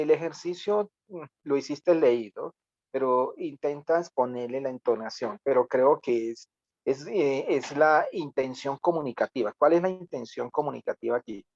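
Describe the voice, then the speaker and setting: A man's voice: medium pitch, darkish tone, dry recording, dull audio. Man coaching a radio class. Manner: coaching, loose and talkative, acts out lines. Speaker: radio workshop teacher. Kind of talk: online class feedback.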